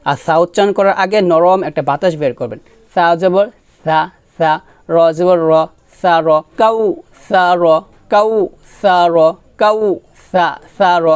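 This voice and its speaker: A man teaching Quran recitation, spelling out letters and chanting words slowly with long drawn-out syllables. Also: high voice, clean tone, dry recording. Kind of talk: tajweed lesson, spelling and slow recitation.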